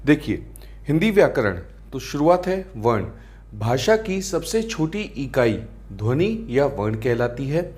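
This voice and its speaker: Slow, lively-voiced grammar teacher. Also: male voice, mid-range voice. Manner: asks rhetorical questions, calls students friends and beta. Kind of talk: classroom lecture.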